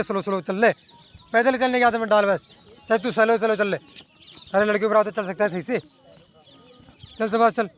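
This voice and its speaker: A man coaching runners outdoors, calling out lap times and repeatedly urging them to keep going. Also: sits high. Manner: repetitive, encouraging shouts. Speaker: running coach. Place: outdoor running ground.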